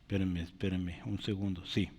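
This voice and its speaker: A man preaching a sermon, explaining words slowly as he writes them on a board and often checking in with his listeners. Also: sits low, flat delivery, darkish tone. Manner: asks "¿verdad?" and "¿sí?" often. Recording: long hall reverb.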